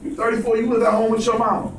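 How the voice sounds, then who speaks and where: A man's voice: extremely high pitch, monotone, rapid-fire. A man giving a blunt, profane motivational talk to a small audience and asking them to agree with him. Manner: preachy, profane, asks the room for agreement. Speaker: speaker addressing a group. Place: indoor room with a small audience. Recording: echoey noisy room from far off.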